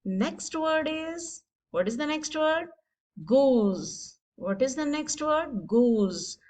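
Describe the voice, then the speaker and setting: Animated woman teaching kids phonics. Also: high voice, drawn-out words. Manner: mixes Hindi and English, urges kids on. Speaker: kids' teacher. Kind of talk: phonics quiz lesson.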